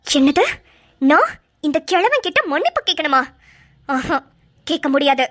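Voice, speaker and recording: A woman voicing a spiteful, scheming newlywed young woman in a cartoon, who puts on fake high sobbing. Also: big pitch swings, unhurried, fairly bright tone, heavily acted. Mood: scornful scheming. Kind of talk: cartoon voice acting.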